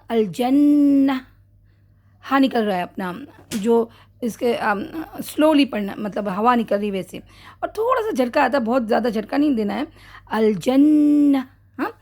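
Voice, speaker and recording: A woman teaching Quran recitation rules in a casual online lesson, explaining step by step, often checking in with her students, correcting her own slips and slowly modelling drawn-out example words. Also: high voice, gravelly, darkish tone.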